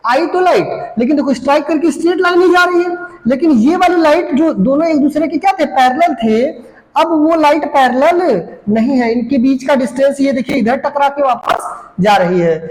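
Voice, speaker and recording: Male physics teacher with a high voice, quizzing the class and answering himself, mixes in English terms; roomy, echoey recording. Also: normal speed. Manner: asks questions and answers them himself. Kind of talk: classroom lecture to children. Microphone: camera.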